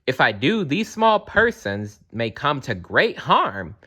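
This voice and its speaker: A man's voice: medium pitch, big pitch swings, slow pace, pushed and bright, full character voice. A man voicing a kindly, worried male elephant in a read-aloud storybook, pleading and earnest.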